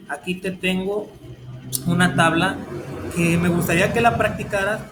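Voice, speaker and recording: A man's voice: sits high, slight background noise. A man, teaching a grammar lesson step by step in a patient, explaining way.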